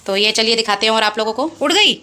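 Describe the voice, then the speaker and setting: A woman's voice: fairly high pitch, flat delivery, fast, bright, forceful tone. A mother filming a casual home vlog indoors on a phone, chatting to her viewers and coaxing her children along. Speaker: vlogger, mother.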